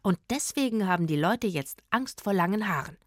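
A woman's voice: medium pitch, animated, normal speed, over loud music, close to an everyday voice. A woman voicing Itzig, a cheerful child in a children's audio story who brushes things off. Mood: dismissive. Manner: laughing, dismissive.

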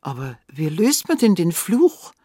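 A woman's voice: on the low side, sing-song, unhurried, dark tone, husky, dry recording, studio quality, heavily acted. A woman voicing a brave, polite young farm boy with a Bavarian accent, in a told fairy tale. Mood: polite, curious. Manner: eager, courteous. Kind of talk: storytelling.

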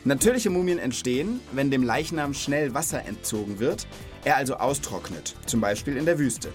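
Soft music plays in the background as a man, host of a children's knowledge podcast, explains things to a child in a casual, curious manner and asks questions to check understanding. His mid-range voice is expressive at normal speed.

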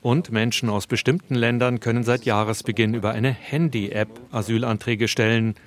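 A man narrating a news report in German in a measured, scripted way. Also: mid-range voice, steady tone.

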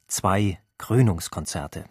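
Man, documentary narrator, scripted narration, measured delivery, lowish voice. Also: darkish tone, husky, no echo, clean studio sound. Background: faint classical music.

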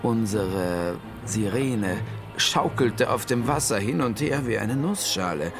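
A man voicing an old male owl who tells his own adventure in a playful, lively children's audiobook style. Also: fairly low pitch, slow. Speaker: first-person storyteller. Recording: music playing under the voice. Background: music.

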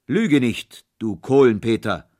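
A man voicing a giant, menacing forest spirit who talks loud and booming in a storybook reading. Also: lively intonation, slow pace. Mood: thundering. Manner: loud, booming, coaxing then threatening.

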